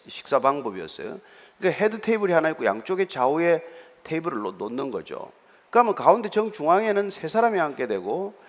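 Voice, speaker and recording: Male pastor, explanatory sermon, higher voice, very animated intonation. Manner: explanatory, conversational preaching with frequent hesitation fillers. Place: church sanctuary. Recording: reverberant church hall.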